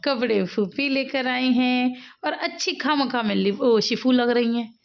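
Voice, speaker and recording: A mother from India chats casually with her viewers in a home vlog, calling them "guys" as she talks straight to them. Her voice is high and a little slow, with vocal fry. The indoor home recording sounds dull and lo-fi, with slight background noise.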